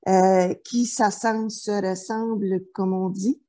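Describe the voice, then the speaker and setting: A middle-aged therapist from New Brunswick, Canada, speaks slowly and warmly at a medium pitch with fairly even intonation. She is the guest in an interview about her life, and she hesitates throughout with many fillers and restarts.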